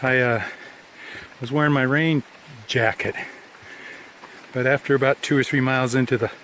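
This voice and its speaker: A man's voice: medium pitch, fairly even intonation, moderate pace, a bit bright, a little hiss or hum. Tired man rambling on a trail. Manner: rambling, self-correcting, plain-spoken. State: tired after a long hike. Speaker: hiker filming a trail vlog. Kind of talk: casual spoken trail diary. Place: outdoors on a mountain trail.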